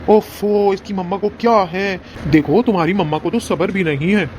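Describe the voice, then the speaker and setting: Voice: mid-range voice, moderate pace, a little mellow, a little hiss or hum, close to an everyday voice. A performer playing a scheming male devil who chuckles and coaxes a child in a moral short film. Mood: gloating. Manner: gleeful, chuckling, coaxing.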